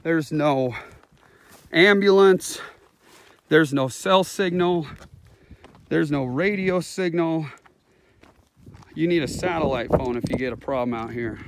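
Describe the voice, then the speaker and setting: A man's voice: on the high side, slow pace, long pauses. A man giving an unscripted walk-along narration for a video, recorded on a handheld phone outdoors on a mountaintop. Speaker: video host. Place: outdoors on a windy rocky mountaintop. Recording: very loud wind noise on phone microphone.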